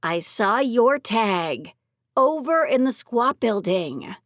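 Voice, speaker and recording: A woman's voice: a little high, big pitch swings, slow pace, dry recording, studio quality. A woman voicing foul-mouthed street bounty hunters. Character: rough-talking women bounty hunters. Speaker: voice actor for three women characters. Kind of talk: audiobook character dialogue.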